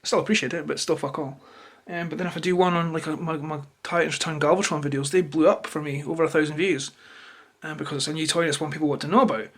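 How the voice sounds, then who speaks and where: A man's voice: fairly high pitch, fairly even intonation, quick pace. A Scottish man giving a rambling, unscripted, irritated rant to camera with plenty of swearing. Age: adult, parent of a toddler. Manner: irritated, opinionated. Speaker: YouTuber. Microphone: camera held or placed close to him.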